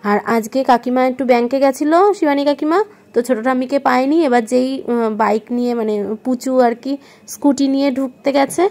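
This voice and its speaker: A woman's voice: high voice, steady tone, brisk, darkish tone. A young woman with a West Bengal Bengali accent chats to viewers at home in a casual family vlog, filmed on a handheld phone, and coaxes her child along. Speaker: family vlogger. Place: home, indoors.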